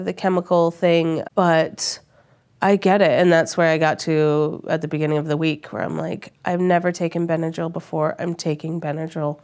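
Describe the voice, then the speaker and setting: A woman's voice: lowish voice, vocal fry, darkish tone. A young woman from Minnesota with a stuffed-up voice from a cold, chatting casually in an interview about her van travels. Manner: chatty, rambling with restarts. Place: lodge room at a campground.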